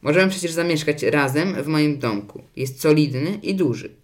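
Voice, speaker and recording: A man voicing the sensible eldest pig brother in a storybook, speaking in a calm, reassuring way. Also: on the high side, moderate pace, close to an everyday voice. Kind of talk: storybook reading.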